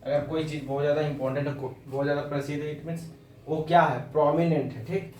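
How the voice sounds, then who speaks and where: A man with an Indian English accent teaching English vocabulary and spelling words out slowly, letter by letter. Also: on the high side, fairly even intonation, a little mellow, reverberant, distant mic, slight background noise, poor audio. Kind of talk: vocabulary lesson.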